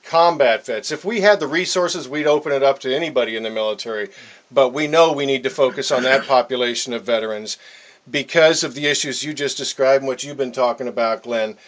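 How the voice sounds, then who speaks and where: Male radio host, mid-range voice, earnest and deliberate, leading an interview. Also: mid-range voice.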